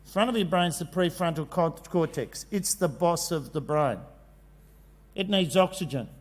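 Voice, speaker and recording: A man gives a jokey, animated talk at a conference, acting out kids' voices. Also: on the high side, a little slow. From Australia. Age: 50s. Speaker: conference speaker. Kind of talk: energetic presentation. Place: large conference hall. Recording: long hall reverb.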